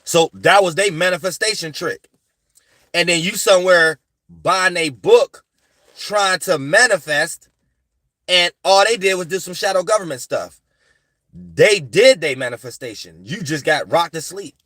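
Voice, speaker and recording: A man with a high, bright, pushed voice and lively intonation hosts a spiritual astrology channel, giving his viewers an unhurried, casual lecture. His delivery is slangy, rambling, and preachy, often asking "you know what I'm saying," with no room sound.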